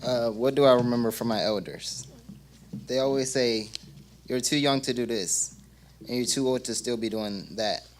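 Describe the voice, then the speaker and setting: A man's voice: mid-range voice, normal speed, slight background noise. A young man giving a wry, reflective monologue on stage.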